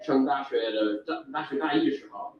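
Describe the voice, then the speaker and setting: A man's voice: medium pitch, quick pace. Man far off in a crowded, echoey street. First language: not Mandarin, learned it at university. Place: busy street outdoors. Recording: distant, echoey, dull clip with crowd.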